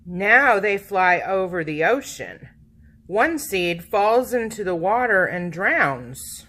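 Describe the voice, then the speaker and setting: Female storybook reader for young children: unhurried pace, very animated pitch, dramatic stress on key words. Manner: expressive, dramatic emphasis with drawn-out words. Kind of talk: read-aloud picture book narration.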